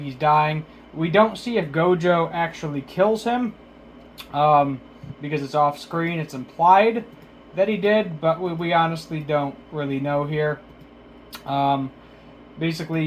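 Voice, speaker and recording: A man's voice: a little high, a little hiss or hum, low-quality recording. A man giving a casual, unscripted recap as a video reviewer, rambling and correcting himself, his speech slightly slurred from a mouth numbed at the dentist. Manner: hesitant, rambling, self-correcting.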